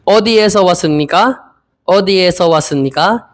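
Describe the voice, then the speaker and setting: A young man in his twenties from the Philippines, practicing Korean interview answers aloud, hesitant and repeating each phrase slowly. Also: sits high. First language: Filipino. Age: 20s. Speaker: Korean language learner.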